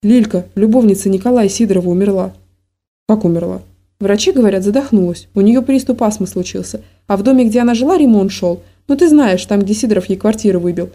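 A worried middle-aged village policeman speaks in blunt, plain phrases, voiced by a woman reading a story aloud. His tone is heavy and gloomy. The voice is deep-toned and very mellow. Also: fast talker, natural voice. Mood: grim.

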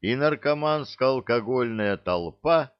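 A man reading an audiobook aloud in an unhurried, expressive way with a wry tone. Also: mid-range voice, clear, resonant tone, dry recording, highs cut off. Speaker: audiobook narrator. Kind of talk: scripted narration.

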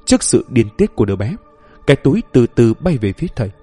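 A man narrating a horror story in a steady storytelling voice. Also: medium pitch, quick pace, husky, faint music behind.

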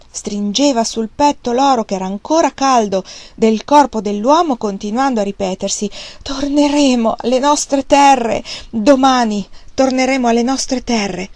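A woman reading a novel aloud in an expressive, dramatic audiobook style. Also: mid-range voice, dry recording. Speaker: audiobook reader.

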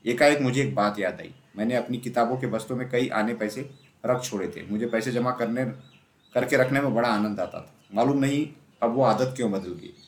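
A man narrating a classic children's story aloud in a steady storytelling manner. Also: mid-range voice, a little fast. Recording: roomy echo.

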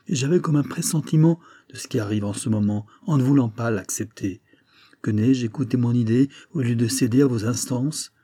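A man's voice: mid-range voice, brisk, warm tone, no echo, clean studio sound, close to an everyday voice. A man voicing a guilt-torn married woman pleading with her young lover, in an impassioned, tremulous way. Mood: anguished pleading.

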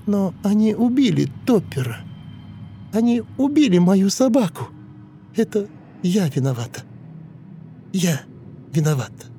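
A man voicing a grown woman regressed to a shrill, sobbing ten-year-old girl in a dramatic audiobook reading. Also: big pitch swings, measured pace, long pauses, dark tone, slight background noise, full character voice. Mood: sobbing, hateful. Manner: high shrill childish wailing, pleading and vengeful.

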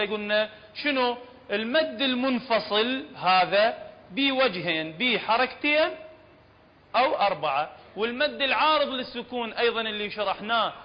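A man with an Iraqi Arabic accent teaching the rules of Quran recitation in a fairly high voice. He explains patiently and keeps checking whether his listeners follow. The recording is dull and lo-fi, with a long reverb tail. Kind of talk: religious lesson on recitation rules.

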